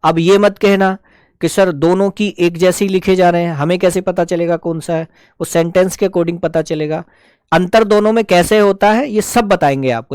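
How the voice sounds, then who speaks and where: A man's voice: sits high, a little mellow, clean tone, no echo. Patient man teaching shorthand, dry close sound. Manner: patient, explains step by step, addresses students as beta. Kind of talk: live online class.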